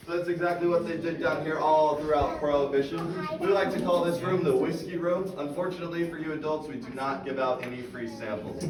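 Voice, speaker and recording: A man working as a tour guide, narrating to a group in a projecting, folksy way, in an echoing cave. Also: fairly high pitch. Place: inside a rocky cave, standing among a tour group. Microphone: phone camera held several metres away. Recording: echoey cave, far from the mic.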